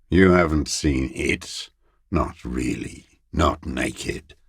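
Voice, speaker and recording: An actor voicing a bitter, broken old communist deserter in a video game, gravelly and husky, speaking in slow, halting, grave rhetoric. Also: male voice, a bass voice, a bit bright, no room sound, studio quality, heavily acted. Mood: contemptuous, defiant. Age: older. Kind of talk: dramatic monologue, game voice acting.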